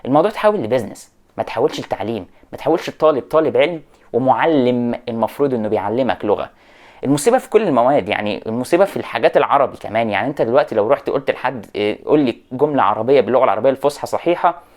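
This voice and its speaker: A man with an Egyptian Arabic accent talking straight to students, lecturing with animated mock examples of English phrases. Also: medium pitch, rapid-fire. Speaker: education vlogger. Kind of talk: direct-address rant to students.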